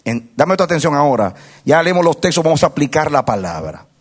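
A man with a high-pitched voice preaches a sermon as pastor. He calls out questions and has the congregation repeat the answers back to him. His delivery swings between low, quiet stretches and loud, ringing exhortation. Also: big pitch swings, fairly quick, husky. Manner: call-and-response preaching, asks the congregation to repeat.

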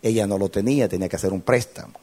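A pastor in his fifties preaching an impassioned sermon that swings from loud shouting to quiet storytelling. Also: lowish voice, racing, husky.

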